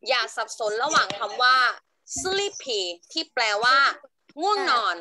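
A young Thai woman teaching English to children in an online class, drawing words out slowly for them to repeat. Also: sits high, big pitch swings, bright, forceful tone, dry recording. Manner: slow, drawn-out modelling of words for pupils to repeat.

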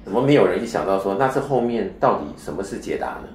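A man interviewed as a spiritual teacher speaks fast in a very low voice with lively intonation. His long, lecturing explanations keep turning into rhetorical questions, heard in an echoey room with a faint hiss.

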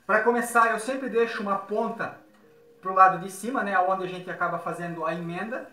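In an echoey workshop with music in the background, a Brazilian window installer in his thirties demonstrates the job while he works. His voice is high and sharp, a little fast, and he explains things plainly with lots of tag questions. A nearby phone camera records him.

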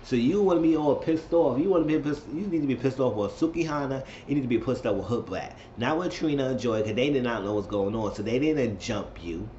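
An animated man gossips through a reality-show recap with a lively, swooping voice. The recording sounds roomy and slightly dull, with a faint hiss underneath. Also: mid-range voice, fairly quick, few pauses. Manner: animated, gossipy, acts out the quotes. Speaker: reality TV reviewer. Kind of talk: casual recap commentary.

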